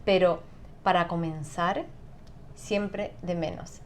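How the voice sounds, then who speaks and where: A woman guest on an interview, explaining calmly and often adding tag questions. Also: fairly low pitch, slow pace, a little hiss or hum. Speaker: sound therapist guest. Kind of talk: conversational interview.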